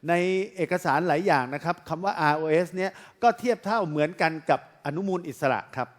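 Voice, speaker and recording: A man interpreting a training lecture sentence by sentence, politely adding courtesy particles. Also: a little high. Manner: brisk and polite, with frequent polite sentence-ending particles.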